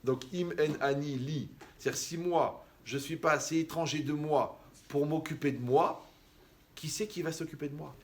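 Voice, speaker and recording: A man giving a lively, conversational sermon as a rabbi, who acts out the people he quotes. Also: fairly high pitch, moderate pace. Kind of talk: animated sermon.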